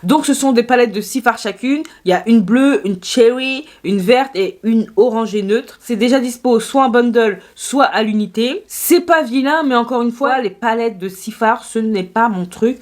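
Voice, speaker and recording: A woman's voice: fairly high pitch, moderate pace, hardly any pauses. A woman chatting through a makeup haul video, playful and self-mocking, talking straight to her viewers. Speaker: beauty YouTuber.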